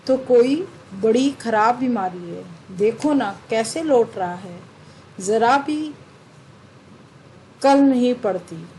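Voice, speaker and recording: A woman reading the part of a worried mother who soothes her sick son and pleads for the doctor, in a soft, slow voice. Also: fairly high pitch, a little hiss or hum, low-quality recording.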